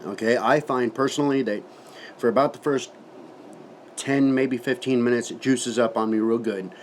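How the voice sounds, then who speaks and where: A man's voice: medium pitch, steady tone, moderate pace, a little hiss or hum. A man giving a casual, folksy product review to camera, talking with his lip packed full of dip and swearing now and then.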